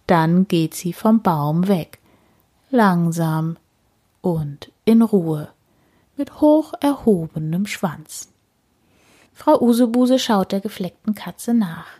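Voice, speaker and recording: A woman reading a children's story aloud, slow and expressive with deliberate repetition. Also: fairly low pitch.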